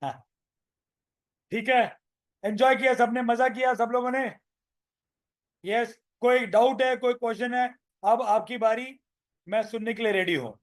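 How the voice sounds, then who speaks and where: Male sales coach with a high voice, energetic and repetitive, teaching live over a video call. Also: a little slow, pauses often. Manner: energetic, repeats phrases, role-plays sales calls. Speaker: business coach. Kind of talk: live online training session.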